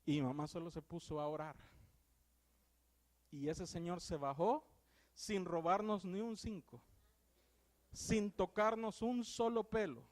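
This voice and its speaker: A young man with a Salvadoran Spanish accent preaching a sermon in church. He swings from loud exclamations to hushed, earnest tones. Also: high-pitched, unhurried, long pauses.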